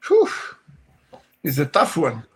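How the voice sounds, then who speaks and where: A man who races RC cars, telling rambling, animated stories in a casual podcast chat with many fillers. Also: fairly high pitch, slow pace, vocal fry. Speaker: guest, RC car racer.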